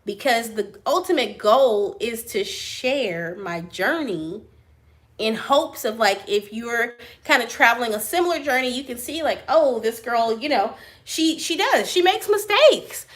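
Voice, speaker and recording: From her print shop office, a small business owner fields viewer questions on a live stream, loud, animated, and laughing often. Her voice is high, which she likens to a cartoon mouse, and she speaks unhurriedly.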